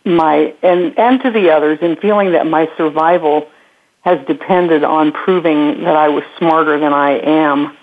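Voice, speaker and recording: A woman calling into a radio show over the phone, halting and self-deprecating as she searches for words. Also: low-pitched, steady tone. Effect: radio show caller heard over a phone line. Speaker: caller. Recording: tinny phone line.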